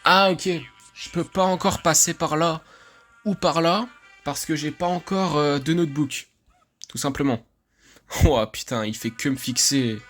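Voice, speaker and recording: A man from France giving excitable, chatty let's-play commentary, laughing often and swearing casually. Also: on the high side, a little slow, faint music behind. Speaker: gaming YouTuber.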